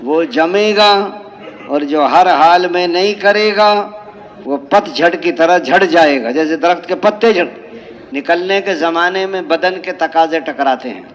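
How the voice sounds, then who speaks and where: A man with a Pakistani Urdu accent preaching a sermon at a large mosque gathering, telling parables and stacking emphatic lists. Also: fairly high pitch. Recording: lo-fi hall recording with long reverb.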